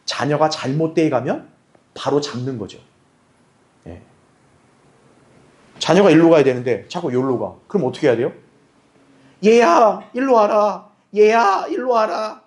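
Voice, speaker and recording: Pastor guy leading bible class, high voice, swoops up and down a lot, keeps asking the class questions. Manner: asks the class frequent rhetorical questions; acts out quoted voices in dialogue. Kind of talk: Bible study lecture.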